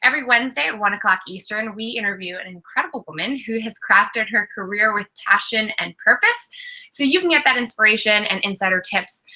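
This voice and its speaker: Bright upbeat woman host. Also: medium pitch, lively intonation, brisk, rough recording. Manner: upbeat, enthusiastic. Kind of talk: live interview show.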